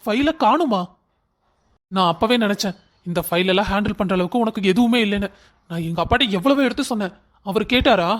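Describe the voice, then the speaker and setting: Exasperated young cartoon man, blaming and scolding, mid-pitched, voiced by a performer. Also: lively intonation, fairly quick, long pauses, close to an everyday voice. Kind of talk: cartoon drama voice acting.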